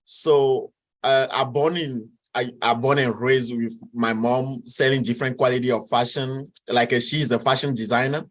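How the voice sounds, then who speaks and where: A man from Togo in his twenties, interviewed as a guest, has a Togolese French accent and a medium-pitched, steady-toned voice. He answers hesitantly, restarting often and using many fillers.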